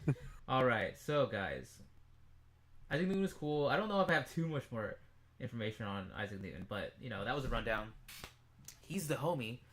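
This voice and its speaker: A man co-hosting a casual podcast, goofy and jokey, swinging from mumbles to loud outbursts. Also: mid-range voice, expressive, fairly quick, long pauses. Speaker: podcast co-host. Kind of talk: casual chat.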